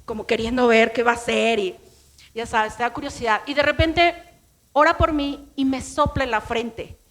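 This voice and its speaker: Mexican lady pastor, high voice, chatty sermon story, acts out what she said back then. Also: fairly even intonation, normal speed, a bit bright. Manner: conversational storytelling, acts out her own past voice. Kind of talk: sermon with personal testimony.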